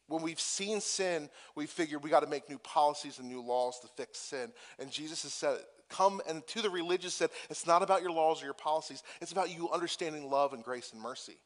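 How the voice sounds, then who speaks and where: A man preaching a sermon as pastor, moving from conversational asides with restarts to impassioned, emphatic peaks. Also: on the high side.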